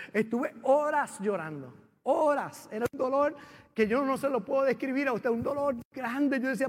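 A pastor preaching with a very high voice, his words ringing through a reverberant church hall. He tells his story with great feeling, jumping from loud cries to hushed lines. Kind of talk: sermon.

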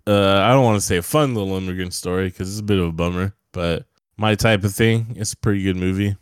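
A young man talks movies with a laid-back, profane, rambling manner. His voice sits very low and comes across smooth and resonant. The sound is close and dry, with no room around it. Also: fast, no echo. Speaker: podcast co-host. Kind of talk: casual movie-review chat.

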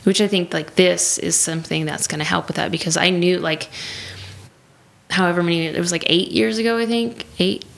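Gravelly, lower-pitched woman in casual testimony. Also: fairly even intonation, brisk, a bit bright. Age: 30s. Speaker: podcast host. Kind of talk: casual personal testimony in conversation. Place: church prayer room.

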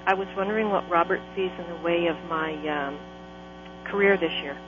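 A woman with a quiet, soft voice calling in to a radio phone-in to ask a question. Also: fairly low pitch, a little fast, recorded from a distance, over music. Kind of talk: on-air call-in question. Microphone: telephone. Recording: muffled phone line, clear hum and noise.

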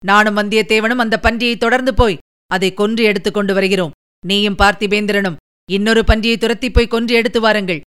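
A woman's voice: medium pitch, steady tone, fast, fairly bright tone, clear, resonant tone, close to an everyday voice. A woman reading aloud voices a bold, headstrong young crown prince who issues commanding challenges. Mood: challenging.

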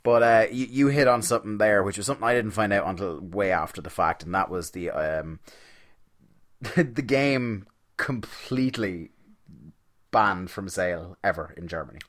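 A man's voice: on the low side, normal speed, a bit bright. A man co-hosting a casual podcast chat, laughing often and trailing off with fillers. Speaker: podcast co-host.

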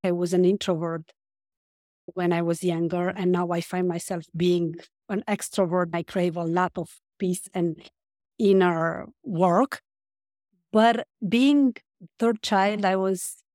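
A woman with a Romanian accent, a life coach appearing as a podcast guest, speaks earnestly in a lowish, slightly mellow voice during a casual interview. She often searches for her words, and the recording is dry with clean studio sound.

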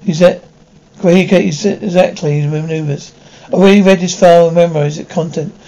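A man's voice: fairly high pitch, fairly even intonation, brisk, mellow, lightly acted, low-quality recording. A man acting out military pilots and other characters of a period drama, with a stumbling delivery full of restarts. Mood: tense banter.

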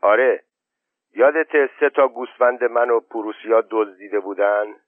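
A man's voice: medium pitch, no room sound, natural voice. Man voicing a blunt village man. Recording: thin phone-like sound.

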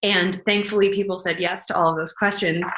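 A woman's voice: on the low side, steady tone, a little fast, a bit bright. A woman being interviewed as a startup founder, speaking candidly and conversationally in jargon-heavy tech-founder talk. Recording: roomy, echoing sound.

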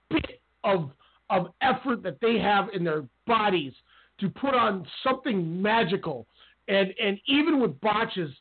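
A man co-hosting a wrestling podcast, ranting in heated casual talk. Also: sits high. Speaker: podcast co-host. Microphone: call-in radio line. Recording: tinny phone-line audio.

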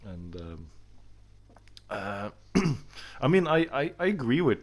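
A man's voice: medium pitch, very animated, slow pace. A man co-hosting a podcast, chatting casually about a film, agreeable, laughing often, with stammering restarts. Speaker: podcast co-host. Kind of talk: casual film review chat.

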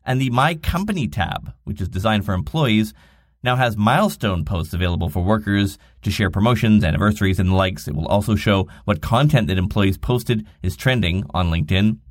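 A man's voice: lowish voice, expressive, a little fast, no room sound. Dry-voiced man reading marketing news. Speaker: podcast host. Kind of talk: daily digital marketing news podcast.

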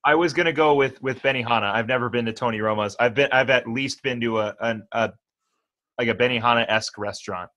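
A man's voice: medium pitch, fast, bright, forceful tone. A man in a casual podcast chat, hesitant and stumbling over his words.

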